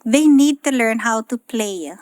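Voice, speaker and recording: A Filipina economist in her thirties, a guest in a casual chat, talks thoughtfully in English mixed with Tagalog with a Filipino accent. Her voice is on the high side, expressive and darkish, and she speaks a little slowly.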